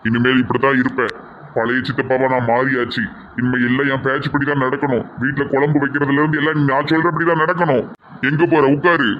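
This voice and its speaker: A man with a Tirunelveli Tamil accent talks sternly in a flat, level voice, grumbling through his sketch lines. The sound is dull and lo-fi, with faint noise behind. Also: medium pitch, quick pace. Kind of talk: comedy sketch acting.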